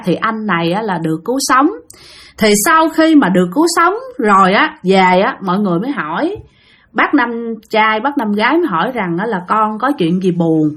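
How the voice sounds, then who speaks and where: Lively woman with a Southern Vietnamese accent. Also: medium pitch. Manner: chatty, addresses listeners directly. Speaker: storyteller. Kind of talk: spoken ghost story narration.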